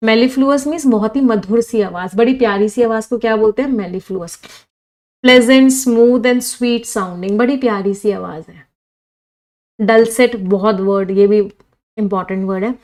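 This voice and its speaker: Hindi-English teacher quizzing a live class. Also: female voice, fairly high pitch, unhurried, a little mellow. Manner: asks the class questions and answers them herself, mixing Hindi and English; reads chat comments from live viewers. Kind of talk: live online exam-prep vocabulary lesson.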